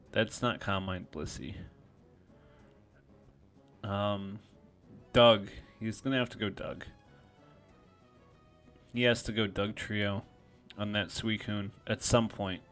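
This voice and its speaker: Low-voiced man commentating a game match. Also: steady tone, slow pace, pauses often, fairly bright tone, faint music behind. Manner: self-deprecating, thinks aloud, frequent restarts. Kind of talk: casual play-by-play commentary.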